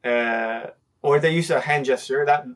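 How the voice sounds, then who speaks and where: A man's voice: mid-range voice, a little slow, distant mic. A man hosting a casual lesson on a Japanese phrase, talking with many fillers and acting out example lines. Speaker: host teaching Japanese phrases.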